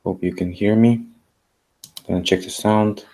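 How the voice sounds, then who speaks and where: Deep-voiced man hosting a stream. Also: steady tone, dark tone. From Russia. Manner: halting, with slightly broken English. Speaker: host. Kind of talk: live stream chat.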